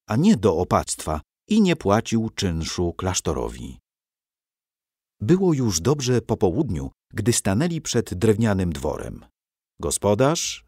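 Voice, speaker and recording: A man reading a children's adventure audiobook aloud with expressive storytelling. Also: fairly low pitch, no room sound, studio quality. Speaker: narrator.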